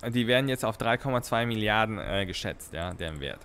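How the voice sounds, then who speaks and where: A man's voice: lowish voice, animated, fairly quick, fairly bright tone, slight background noise. A man giving casual news commentary as a streamer, rambling with many fillers, restarts and tag questions.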